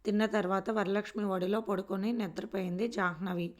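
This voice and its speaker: A woman reads a family serial aloud in a steady storytelling manner. Her pitch stays flat and even, sitting in a middle register. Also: brisk. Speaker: story reader.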